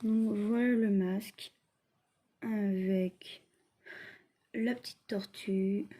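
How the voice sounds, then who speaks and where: Woman, mellow soft-edged tone, slow pace, hesitant halting phrasing, casual craft vlog review. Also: mid-range voice, fairly even intonation. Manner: hesitant, halting delivery with trailing, unfinished phrases. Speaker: craft video creator.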